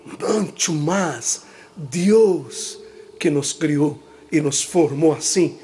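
A woman preaching in church, telling a family story with lively voices for each person, and repeating herself for an interpreter. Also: sits low, drawn-out words, a little hiss or hum. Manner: animated storytelling, jumps between two languages, acts out family members. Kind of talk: sermon with live interpretation.

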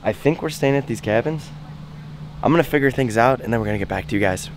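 Hoarse man vlogging casually. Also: mid-range voice, lively intonation, fast, slight background noise. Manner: laid-back, rambling, many fillers. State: hoarse, losing his voice from a sinus infection. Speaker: fishing vlogger. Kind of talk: casual vlog talk to camera. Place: car, then outdoors by a lake.

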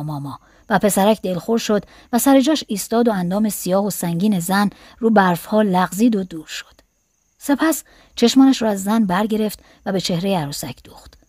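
Female narrator, calm measured audiobook reading, dry studio sound. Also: medium pitch, no echo.

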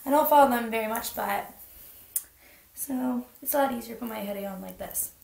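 A young woman with hiccups chatting excitedly through a music video reaction, full of fillers and restarts. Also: on the high side, a little fast, vocal fry. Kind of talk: casual reaction vlog. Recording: echoey room with music playing.

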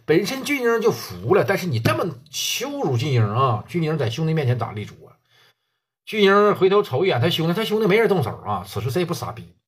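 A man's voice: on the high side, big pitch swings, a little fast, breathy edge. A man telling a gangland story in a colloquial, earthy and crude way. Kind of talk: oral storytelling.

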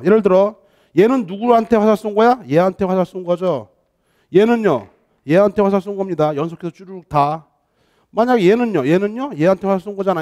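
Teaching math over the internet, this high-pitched man sounds energetic and persuasive. He keeps checking that his students are following along, blending courteous phrasing with casual talk.

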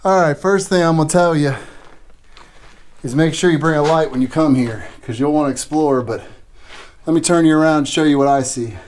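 A man's voice: a little high, brisk, a little mellow. A middle-aged man talking casually like a cave tour guide, pointing things out and giving viewers practical tips. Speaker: vlogger guiding viewers through caves. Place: inside a large rock cave. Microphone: action camera held close.

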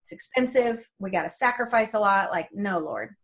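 A woman from New Jersey tells stories about her family, playing the voices of relatives as she goes. She speaks over a video call with a webcam from a room at home, and her pitch sits in the middle of the usual range. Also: normal speed. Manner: animated storyteller who acts out quoted family members. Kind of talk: casual faith interview.

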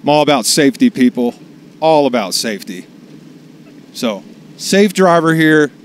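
A man's voice: a little high, animated, normal speed, slight background noise. Rambling man vlogging from his car. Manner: rambling, salty, talks to the camera. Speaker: delivery driver vlogger. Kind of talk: casual chat while driving.

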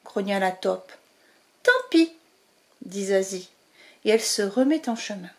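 A woman reading a picture book aloud to children, slow and expressive, talking to her young listeners. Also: medium pitch, slight background noise. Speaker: storyteller.

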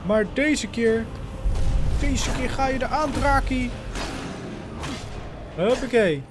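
Excitable man commenting on his game. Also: very high voice, slow, noisy background. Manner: playful, excitable, talks to his in-game follower. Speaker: gaming channel host. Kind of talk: casual let's-play commentary.

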